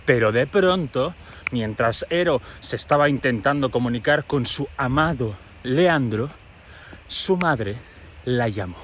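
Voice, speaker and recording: A man's voice: medium pitch, lively intonation, a little slow, fairly bright tone, a little hiss or hum. A man, retelling a myth as a playful, chatty storyteller full of modern slang. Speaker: storyteller host.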